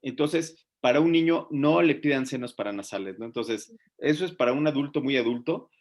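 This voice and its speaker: A man teaches a medical class and keeps putting questions to his students. He talks in a lively, conversational way and leans heavily on fillers and restarts. His voice sits in an ordinary middle pitch. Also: brisk. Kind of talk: online class discussion.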